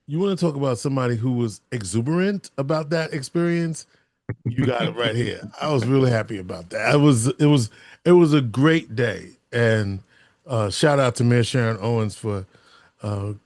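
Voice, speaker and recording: Excited male podcast co-host, dry sound. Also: mid-range voice, dry recording. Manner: enthusiastic, storytelling, quick laughs. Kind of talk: casual chat.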